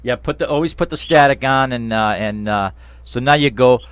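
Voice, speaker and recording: A man's voice: medium pitch, brisk, fairly bright tone, smooth, no room sound. Emphatic male talk show host. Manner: emphatic, talks to listeners as friends. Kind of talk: casual interview.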